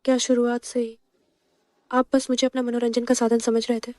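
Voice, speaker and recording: An actress playing a gentle, timid young pregnant wife who speaks softly and hesitantly. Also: female voice, fairly high pitch, level tone, moderate pace, dry recording, lightly acted. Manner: soft, hesitant.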